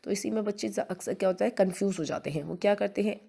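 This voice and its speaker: A woman school teacher giving a spelling lesson to young children, spelling words slowly letter by letter with a Hindi accent, often checking "theek hai na" and calling pupils beta. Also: mid-range voice, creaky, dark tone, breathy edge. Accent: Hindi-accented English.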